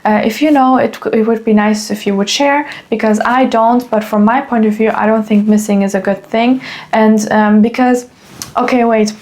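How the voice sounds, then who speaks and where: A woman's voice: a little high, fairly even intonation, moderate pace, a little mellow. A young woman from Germany hosting a solo podcast, talking casually and rambling, with many fillers and restarts. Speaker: podcast host.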